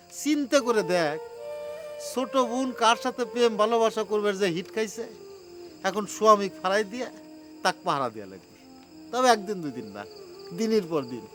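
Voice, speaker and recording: An actor playing a weary, put-upon village man, complaining in a television drama. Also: high voice. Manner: complaining, self-pitying.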